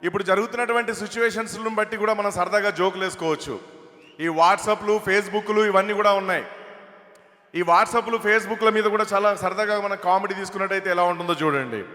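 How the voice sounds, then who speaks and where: Bright-voiced male comedian on stage. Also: high-pitched, brisk. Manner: chatty, lively storytelling. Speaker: stand-up comedian and mimic. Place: large event hall. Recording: echoey hall PA.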